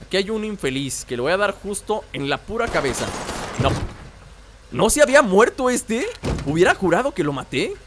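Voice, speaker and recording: Mexican male gamer, high voice, chatty let's play talk, loud game noise underneath. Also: very animated, moderate pace. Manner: chatty, talks back to the game, explains asides at length.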